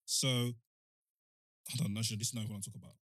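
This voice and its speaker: A man's voice: lowish voice, steady tone, racing, a bit bright, no echo, clean studio sound. A young man with a London accent, co-hosting a podcast in casual chat and reading out figures. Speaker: podcast co-host.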